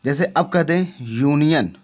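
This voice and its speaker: A man with a slightly high voice teaches a grammar lesson. He keeps asking the viewer questions and checking that they follow. His delivery is patient and repetitive, the way a classroom explanation sounds. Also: unhurried, a little mellow.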